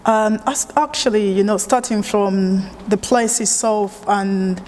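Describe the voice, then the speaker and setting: A woman's voice: mid-range voice, slow pace, long reverb tail, a little hiss or hum. A woman chef originally from Uganda, talking in an easygoing, conversational way with plenty of fillers during an oral history interview. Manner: relaxed, conversational with frequent fillers.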